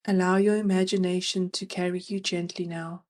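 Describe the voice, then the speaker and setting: A woman guides a meditation in a gentle, soothing voice that sits on the low side and stays level. She leaves long pauses between her phrases.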